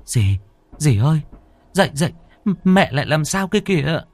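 A man's voice: sing-song, moderate pace, dry recording, faint music behind. A man voicing a frightened adult daughter, pleading and stammering. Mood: panicked. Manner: pleading, stammering, shrill when scared.

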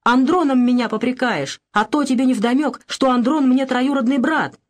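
A woman voicing an older peasant mother who scolds her daughter in shrill, tearful reproaches, in an audiobook. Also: lively intonation, a little fast, darkish tone. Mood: furious. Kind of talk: audiobook character voice.

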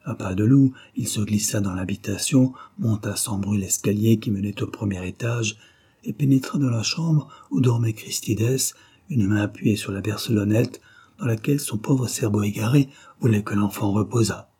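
A man narrating a novel as an audiobook, in a measured, dramatic storytelling manner. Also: on the low side, warm tone, breathy edge.

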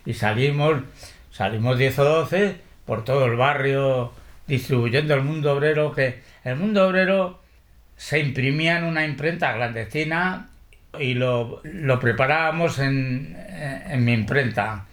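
An older man from Spain, interviewed about his past, telling lively stories full of salty slang and quoting others as he goes. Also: medium pitch, a little slow. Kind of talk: oral history interview.

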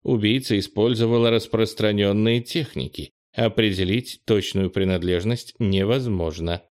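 A man's voice: on the low side, fairly even intonation, moderate pace, a little mellow, natural voice. A man voicing a grim, stern woman guard officer who speaks curtly, in an audiobook. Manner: curt, grumbling.

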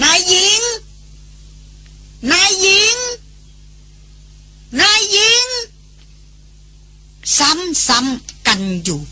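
A woman narrating an adventure novel as an audiobook in a steady storytelling delivery. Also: fairly high pitch, slightly rough.

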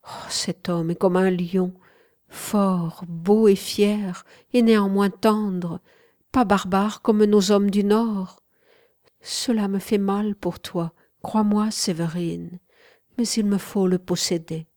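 A woman's voice: mid-range voice, fairly even intonation, dry recording, clean studio sound, close to an everyday voice. A woman voicing a tender, torn noblewoman. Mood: confessing. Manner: soft, compassionate, measured. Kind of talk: audiobook reading.

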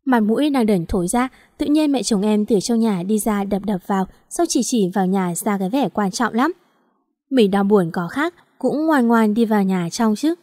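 A woman's voice: mid-range voice, lively intonation, moderate pace, darkish tone, dry recording, studio quality. A woman narrating a first-person story in a chatty, sassy, colloquial way.

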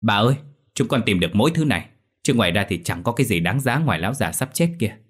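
A man voicing a young male servant who reports quickly and deferentially to his mistress in a storybook tale. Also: fairly low pitch, lively intonation, breathy edge.

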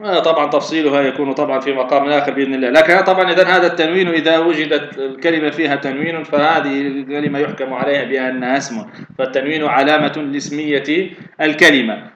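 A man teaching a grammar lesson at a quick clip, his voice sitting slightly high. He puts questions to himself and answers them, with fillers and restarts throughout. The recording is echoey and dull, with a faint hiss behind it. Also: steady tone, fairly bright tone. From Tunisia.

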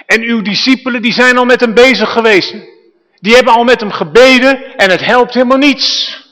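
Desperate dad begging for help, as a preacher puts him on, bright voice, echoey hall. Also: male voice, very high-pitched, moderate pace, pitched above the performer's own voice. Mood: pleading. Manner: pleading. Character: desperate father of a sick son. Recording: reverberant church hall.

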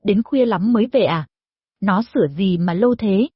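A woman voicing a nosy, chatty older village woman who pries into her neighbor's business, in a shrill, gossipy manner, for an audio story. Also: normal speed, breathy edge, no room sound, natural voice. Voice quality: shrill, prying. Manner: gossipy, scolding, probing. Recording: dull lo-fi recording.

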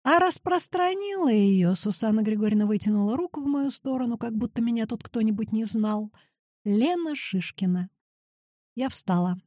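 A woman reads a children's audiobook with animated storytelling. Her voice is mellow and husky, recorded close and dry with no room sound. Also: a little high, fairly quick, hardly any pauses, no echo. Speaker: narrator.

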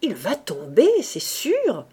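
A woman's voice: mid-range voice, wildly swooping pitch, slow, dark tone, husky, exaggerated voice. A woman reading a brusque, sneering old tanner. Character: blunt, scornful retired male master tanner.

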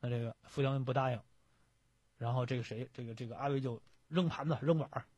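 A man, a radio host retelling a story in a lively way with many fillers. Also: mid-range voice, fast talker, breathy edge, no echo. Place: radio studio.

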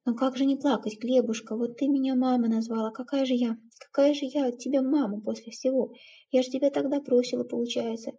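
A woman reading the part of a middle-aged stepmother who speaks in a halting, tearful, self-reproaching way. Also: high voice, fairly even intonation, mellow, slightly rough. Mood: guilty, tearful.

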